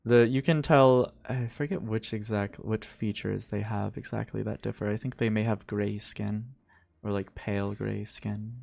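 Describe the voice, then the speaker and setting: A man narrating as game master of a tabletop game on a live stream, relaxed and thinking aloud. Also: fairly low pitch, normal speed, gravelly.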